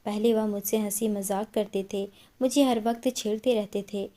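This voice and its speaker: A woman's voice: medium pitch, fairly even intonation, normal speed, warm tone. A woman narrating an emotional family story in the first person, in an earnest way.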